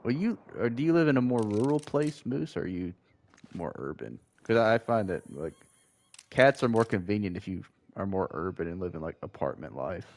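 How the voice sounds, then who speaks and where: A deep-voiced man with a gravelly edge and a faint Southern accent. He chats in a loose, rambling way with his viewers as he plays, never in a rush to finish a thought. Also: big pitch swings, fairly quick. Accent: mild Southern US. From Georgia, US. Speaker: gaming streamer. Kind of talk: casual chat while gaming.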